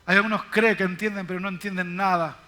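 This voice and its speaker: A man's voice: sits high, fairly even intonation, quick pace, sharp tone. An older man, a pastor, preaching a sermon to his congregation in an emphatic, repetitive way. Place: church service.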